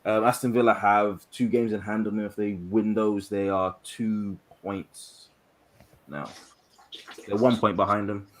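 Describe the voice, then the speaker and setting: A man with a low voice comes through a remote call that cuts out now and then. He runs through match results and table positions, thinking out loud as he goes. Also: fairly even intonation, measured pace. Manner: runs through scores and league standings, thinking aloud. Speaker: podcast guest. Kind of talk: casual football chat. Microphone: remote call with dropouts.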